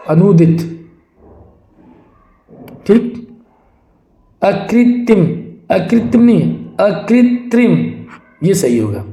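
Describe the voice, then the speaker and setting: A man's voice: fairly high pitch, dark tone, roomy sound. A man teaching a Hindi spelling lesson for exam preparation. He repeats each word, corrects the wrong form and asks the class rhetorical questions. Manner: drills words by repeating them, then correcting.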